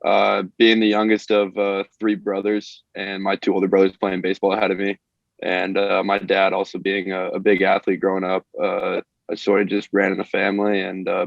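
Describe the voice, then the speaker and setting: A man's voice: low voice, monotone, normal speed, vocal fry, no room sound. A young man from Maine, a college baseball player answering interview questions hesitantly, with many fillers and restarts, on a dull lo-fi recording. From Maine, USA. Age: young adult. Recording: dull lo-fi audio.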